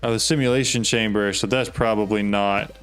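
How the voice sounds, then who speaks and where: A man's voice: on the low side, steady tone, a little fast, a bit bright, faint music behind. A man streaming a game, thinking aloud in casual talk and often asking puzzled questions. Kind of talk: casual live gameplay talk.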